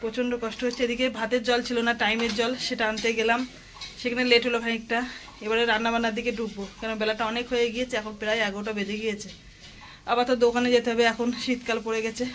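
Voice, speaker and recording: A woman's voice: fairly high pitch, little pitch movement, rapid-fire, a bit bright. A woman vlogging at home, chatting to her viewers in a running commentary while busy with chores, recorded on a handheld phone as she moves indoors and out. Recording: noisy household ambience.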